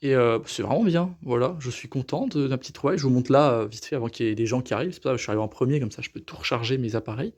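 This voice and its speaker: A man's voice: mid-range voice, rapid-fire, few pauses, a little mellow, no room sound. A man filming a casual travel vlog, chatty and enthusiastic with many fillers, tired and sore from walking, talking outdoors in a city and indoors in a hostel. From France. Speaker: travel vlogger. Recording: street noise behind a handheld camera.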